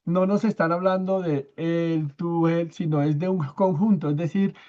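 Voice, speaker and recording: A man teaching a church Bible study, explaining step by step, often checking in with his listeners and repeating key words slowly for emphasis. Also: on the high side, fairly even intonation, highs cut off. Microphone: own microphone.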